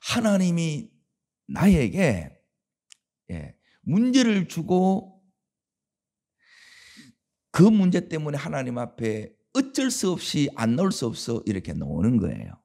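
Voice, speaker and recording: A man's voice: on the high side, wildly swooping pitch, slow, vocal fry, long pauses, dark tone. A man preaching a dawn sermon as pastor, with a Gyeongsang Korean accent, talking conversationally and asking the congregation rhetorical questions.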